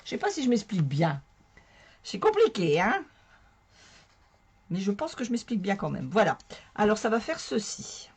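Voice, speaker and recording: A woman with a hoarse, strained voice explaining a card-making tutorial in a chatty, self-mocking way as she works. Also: medium pitch, huge pitch swings, moderate pace, long pauses. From northern France. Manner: chatty, talks to viewers while working, self-mocking. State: hoarse from a sore throat. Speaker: craft tutorial host. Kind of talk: casual crafting tutorial.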